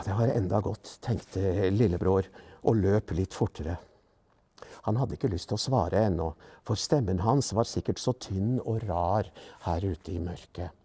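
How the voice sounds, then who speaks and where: A male actor reading a children's book aloud in a gentle, measured way. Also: on the low side.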